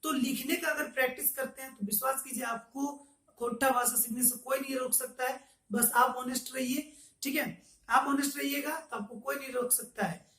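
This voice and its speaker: Man, online language teacher, high voice, slow repeated examples, echoey room, distant mic. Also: steady tone, bright, forceful tone. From Jharkhand, India. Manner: repeats example phrases slowly for pronunciation. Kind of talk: online lesson.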